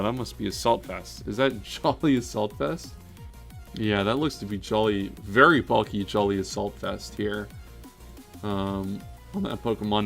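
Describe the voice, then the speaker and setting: Low-voiced man thinking aloud over gameplay. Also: gravelly, fairly bright tone. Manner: analytical, self-correcting, frequent "um" and "uh". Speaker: competitive battle commentator.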